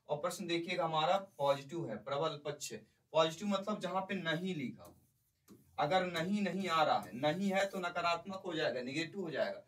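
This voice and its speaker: A man's voice: a little high, a bit bright, distant mic, low-quality recording. A male teacher giving an exam-prep lecture, explaining by repeating points and putting questions to the class.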